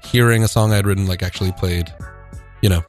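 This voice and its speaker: A man's voice: low voice, fairly even intonation, quick pace, soft background music. A young man, a band's singer and guitarist, chatting in a radio studio interview, joking and restarting his sentences as he rambles through a story. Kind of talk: casual radio interview chat.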